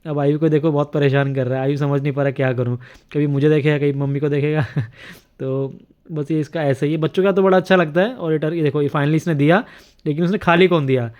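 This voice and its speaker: A man's voice: on the high side, fairly even intonation, quick pace, darkish tone. A man narrating a home video in casual voice-over, chuckling often as he comments. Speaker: vlogger narrating a family video.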